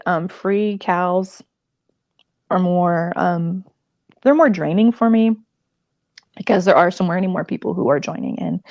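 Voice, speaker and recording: A woman's voice: mid-range voice, darkish tone, no echo, clean studio sound. A woman crochet designer chatting casually on a livestream, rambling and emotional with many fillers.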